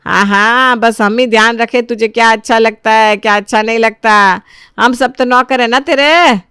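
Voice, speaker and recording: A woman voicing a nagging, sharp-tongued older mother-in-law who scolds and taunts. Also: mid-range voice, lively intonation, a little slow, dry recording, studio quality, natural voice. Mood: scolding.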